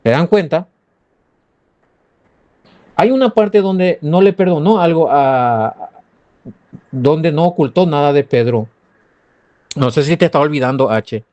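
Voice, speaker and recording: A man from Paraguay with a Paraguayan Spanish accent, a pastor giving a Bible commentary and answering listener comments with animated rhetorical questions aimed straight at his listeners. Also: fairly high pitch, takes it slowly, long pauses, lo-fi sound.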